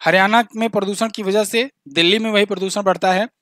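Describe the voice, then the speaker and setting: Male exam-prep tutor, high-pitched, talky, repeats facts, dead-dry close recording. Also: fairly even intonation, brisk, fairly bright tone, no echo. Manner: chatty, explains with asides and little jokes; repeats key facts, says "ठीक है ना" often. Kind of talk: current affairs quiz lesson.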